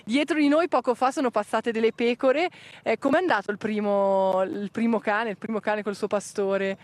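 A woman reporting live from an outdoor event, lively and curious, asking questions. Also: on the high side, normal speed, no echo. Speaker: field reporter. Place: outdoors at a sheepdog trial.

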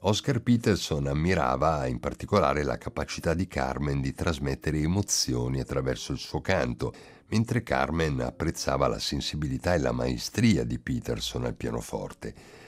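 Very deep-voiced male radio host. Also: expressive. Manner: measured, storytelling delivery. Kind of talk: scripted radio narration.

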